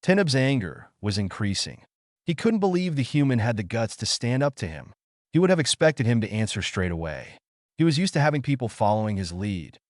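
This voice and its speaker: A man reading fan-fiction narration aloud in a steady storytelling manner. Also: medium pitch, fairly quick, dry recording, clean studio sound.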